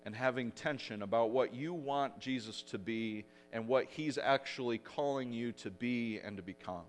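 A male pastor preaching a sermon in a mid-pitched voice. He retells the story dramatically, swelling louder for the shouted lines. A faint electrical hum sits under the recording. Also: normal speed. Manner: dramatic storytelling, rising loud for quoted shouts.

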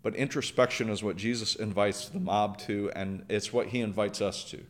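A man's voice: fairly low pitch, steady tone, moderate pace. A man preaching a sermon, earnest, building through repeated phrases and questions. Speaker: pastor.

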